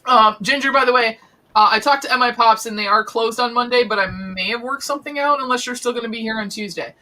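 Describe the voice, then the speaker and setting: A woman's voice: on the high side, quick pace, pushed and bright, poor audio. A woman hosting a casual live stream, chatting and laughing often with guests. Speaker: host.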